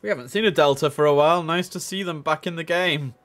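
His voice sits on the high side and is a bit bright, and he talks fast. The young man mutters casual remarks about his game, then switches into clipped air traffic controller lines. It's an indoor home streaming setup, recorded in a noisy room full of keyboard clicks.

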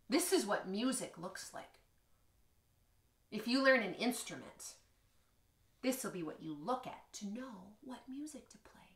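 A woman in her thirties, a music teacher leading a children's lesson from home with a playful, sing-song manner. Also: a little high. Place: living room at home. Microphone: camera across the room. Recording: echoey living room.

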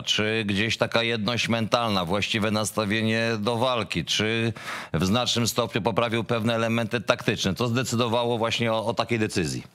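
A man's voice: lowish voice, a bit bright. A male boxing show host asking long, winding questions full of fillers in a remote interview. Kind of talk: remote interview over video call.

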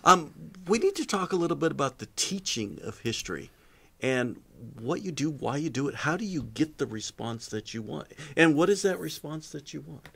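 A man's voice: on the high side, very animated, moderate pace, vocal fry, fairly bright tone, breathy edge. A man hosting a podcast, asking questions and steering a casual chat. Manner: leads the talk, asks questions. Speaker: podcast host.

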